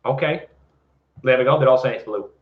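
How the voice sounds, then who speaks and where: A brisk, medium-pitched male voice belongs to a man in his forties co-hosting a live stream. He teases his partner in casual banter and reads out viewer comments. The stream audio is echoey and slightly dull.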